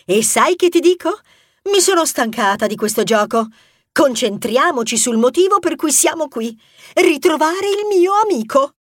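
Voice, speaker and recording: A woman's voice: high voice, lively intonation, normal speed, dry recording, clean studio sound. A woman doing Rebella, a sassy bold mouse. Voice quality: teasing, playful, bossy. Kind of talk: audiobook character voice.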